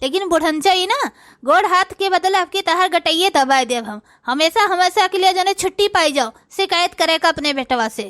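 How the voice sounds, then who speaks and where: A woman's voice: very high voice, animated, normal speed, a bit bright. A woman voicing a bold, scheming young daughter-in-law in a cartoon, with an Awadhi accent and a sassy, boastful manner. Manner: sassy, boastful, talks to the audience. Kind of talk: comic cartoon dialogue.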